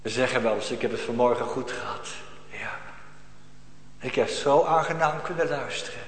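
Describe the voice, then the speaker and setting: A man preaching a sermon emphatically, repeating phrases and swinging from loud to hushed. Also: medium pitch, moderate pace. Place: church. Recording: echoey church hall with faint ambience.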